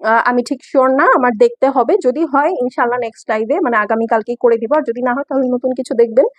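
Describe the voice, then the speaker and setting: A woman's voice: fairly high pitch, steady tone, very fast, slightly rough, no echo, highs cut off. A woman with a Bangladeshi accent hosting a live sales stream for clothing, chatty and coaxing, slipping English phrases into her talk. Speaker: online clothing seller.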